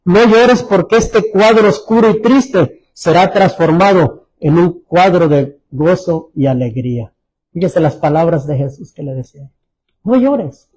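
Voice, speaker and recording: A man preaching a sermon as pastor, Mexican Spanish accent, repeating phrases and dropping to soft, low tones for emphasis. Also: measured pace, slightly rough, low-quality recording. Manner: repeats phrases, restarts words.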